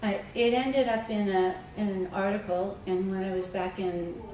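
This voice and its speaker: Her medium-pitched voice is a little mellow, with a steady tone and moderate pace. The school librarian is telling a story during a conference talk, speaking conversationally with frequent ums and restarts. She was recorded from far off in an echoey conference room with background noise.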